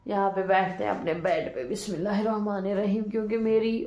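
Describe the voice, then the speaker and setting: Hoarse, weary woman vlogging from home. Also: mid-range voice, steady tone, fast talker, mellow, echoey room. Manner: weary, sleepy, rambling. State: hoarse from cold and fever. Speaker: vlogger and street cart vendor. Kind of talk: casual vlog talk to camera. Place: small room at home, indoors. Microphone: phone held by hand.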